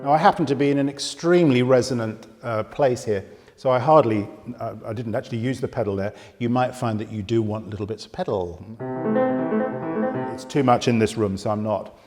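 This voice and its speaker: A man's voice: medium pitch, fairly quick. A man giving a piano lesson, explaining patiently and counting fingers aloud as he demonstrates in a very resonant room. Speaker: piano teacher. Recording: long room reverb with loud piano. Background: piano playing.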